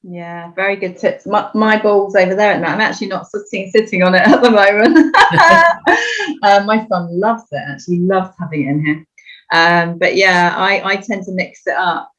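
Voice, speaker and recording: A woman hosting a casual interview, chatting in a relaxed way and laughing easily. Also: on the low side, brisk. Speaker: host. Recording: dull lo-fi sound.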